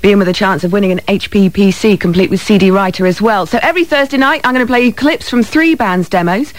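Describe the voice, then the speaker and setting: A woman's voice: medium pitch, quick pace, dry recording. A British woman presents a music radio show in an informal, conversational way. She talks directly to listeners with little tag questions. The sound is close and dry, recorded in a radio studio. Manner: informal, often adds tag questions like "okay?" and "isn't it?". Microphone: close studio microphone.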